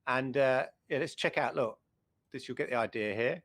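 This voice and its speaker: A man's voice: mid-range voice, moderate pace, fairly bright tone. A middle-aged man co-hosting a retro gaming show, chatting with enthusiasm and rambling through restarts. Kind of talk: casual chat.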